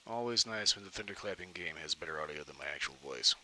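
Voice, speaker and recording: A man's voice: sits low, animated, fast talker, sharp tone. A man giving casual, self-deprecating gameplay commentary as host, thinking aloud, with a cave-like echoey recording. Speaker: gaming video host. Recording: cave-like echoey sound, background noise.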